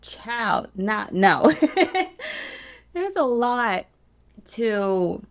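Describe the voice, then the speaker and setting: A woman in her thirties vlogs to camera with candid, emotional energy, her voice sitting a little low. She gets animated and sometimes drops to a hushed tone when she talks herself down. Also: measured pace. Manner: animated and emotional, self-soothing in hushed tones. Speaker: vlogger and business coach. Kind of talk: candid casual vlog.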